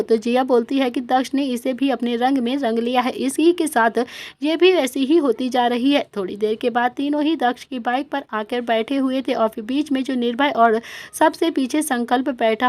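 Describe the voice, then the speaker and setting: A woman's voice: high voice, a little mellow, no echo. A woman reading a serialized family drama story aloud, voicing every character's lines in the same narrating voice.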